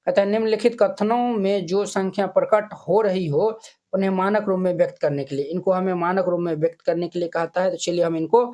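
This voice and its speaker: A man's voice: high-pitched, fairly even intonation, a little fast, warm tone, highs cut off. A male math teacher talks through textbook exercises, counting digits aloud one by one and checking that students follow. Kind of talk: classroom math tutorial.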